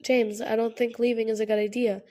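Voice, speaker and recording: A woman voicing a gentle, squeamish young woman in an audiobook, soft-spoken and anxious. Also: fairly high pitch, little pitch movement, fairly quick, close to an everyday voice. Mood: worried.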